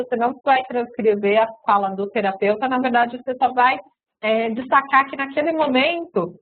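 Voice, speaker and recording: A woman with a Brazilian Portuguese accent giving a recorded web-conference lecture, explaining step by step with frequent fillers and tag questions. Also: on the high side. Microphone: web conference microphone. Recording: tinny phone-like web conference audio.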